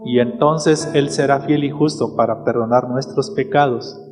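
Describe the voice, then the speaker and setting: A man's voice: medium pitch, steady tone, normal speed. A man with a Mexican Spanish accent, a pastor preaching a sermon and putting rhetorical questions to his congregation. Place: church hall. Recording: reverberant church hall with music.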